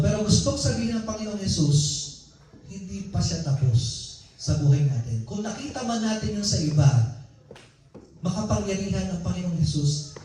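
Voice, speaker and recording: High-voiced preacher man in an echoey hall. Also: warm tone, distant mic. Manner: personal, conversational storytelling preaching. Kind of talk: sermon.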